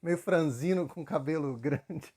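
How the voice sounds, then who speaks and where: A man with a Brazilian Portuguese accent giving a relaxed, conversational spiritual talk, telling stories with frequent fillers. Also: on the high side, takes it slowly, husky. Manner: relaxed storytelling with frequent fillers, acts out quotes. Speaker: spiritual teacher.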